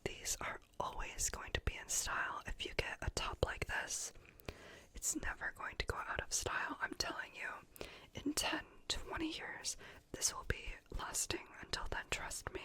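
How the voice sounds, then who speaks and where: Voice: moderate pace, bright, forceful tone, natural voice. A person doing a whispered role-play of a pushy, gushing home shopping TV seller with persuasive sales patter.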